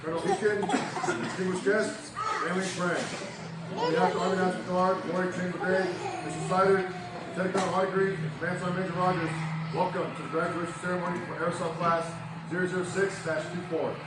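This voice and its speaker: Brisk, high-voiced male announcer at a podium microphone, formal and steady, heard from afar over loud background noise. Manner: steady, formal reading of names, ranks and dates. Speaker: ceremony announcer. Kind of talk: formal scripted speech read aloud. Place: large military graduation ceremony venue. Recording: echoey hall recorded from far off, loud background noise.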